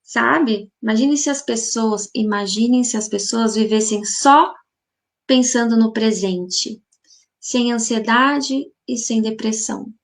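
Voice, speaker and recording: A woman hosting a spiritual healing group thinks aloud in a live reflective talk, answering viewer comments and posing numerous rhetorical questions. Her voice is on the high side with vocal fry, and she takes her time.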